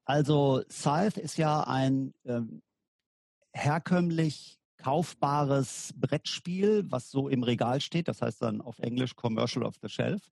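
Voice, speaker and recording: A German man, a war gaming lecturer appearing as a guest on a podcast interview, explains his field at length, hesitating often and leaning on lots of fillers. His medium-pitched voice is slow and gravelly with a darkish tone, and there's no room sound.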